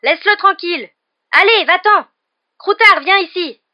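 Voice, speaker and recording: A frantic teenage boy yelling at the top of his voice, as a woman reader puts him on, pitched far above her narration. The recording is dull and muffled. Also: normal speed. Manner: shouting.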